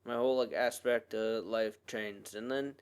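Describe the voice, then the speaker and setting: A man's voice: lowish voice, fairly even intonation, moderate pace, clear, resonant tone. A young man hosting a podcast, talking through a personal monologue in an earnest, rambling way, full of fillers and restarts. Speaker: podcast host.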